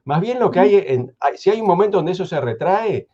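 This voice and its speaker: Measured Argentine man, slightly dull audio. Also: high voice, lively intonation, warm tone. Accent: Argentine Spanish. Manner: measured, hesitant, many restarts. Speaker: guest historian. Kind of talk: thoughtful radio conversation.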